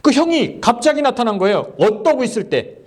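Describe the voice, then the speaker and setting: A male pastor preaching at a church service, animated and often quizzing the congregation with quick questions. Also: very high-pitched. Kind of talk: sermon.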